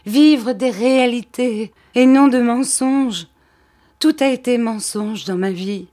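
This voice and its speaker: A woman's voice: fairly even intonation, takes it slowly, a little mellow, dry recording, clean studio sound, natural voice. A woman voicing a feverish dying countess. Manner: pleading, breathless, high childlike voice. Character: dying noblewoman, feverish and childlike, longing to live. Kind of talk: audiobook character voice.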